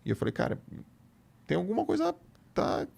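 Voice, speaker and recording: A man's voice: sits high, huge pitch swings, moderate pace, creaky, a little mellow. A man talking on a podcast in a casual, emphatic way, repeating words for stress. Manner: emphatic, repeats words, says "velho" and "cara" often. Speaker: podcast guest. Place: podcast studio.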